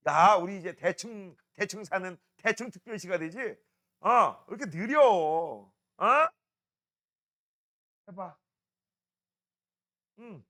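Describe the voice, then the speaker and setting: A man's voice: sits high, pushed and bright. A middle-aged male science teacher, lecturing a class, teasing and scolding students while drilling mnemonics.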